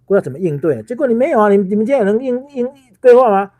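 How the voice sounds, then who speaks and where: A man's voice: high-pitched, very animated, very fast, darkish tone. A man with a Taiwanese Mandarin accent giving heated political commentary on a livestream. He scolds in rhetorical questions and restarts often.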